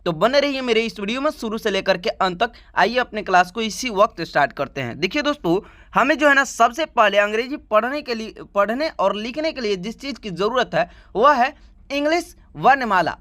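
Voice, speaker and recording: High-voiced man teaching the alphabet. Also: big pitch swings, moderate pace, bright, forceful tone. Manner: chatty, keeps adding "right?" checks. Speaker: online English teacher. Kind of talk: YouTube lesson, reciting the alphabet.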